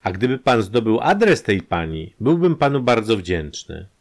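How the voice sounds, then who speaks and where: A man's voice: on the low side, very animated, a little slow, pitched above the performer's own voice. A man voicing a wealthy American tennis player who asks casual, eager questions. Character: rich, carefree male American tennis star.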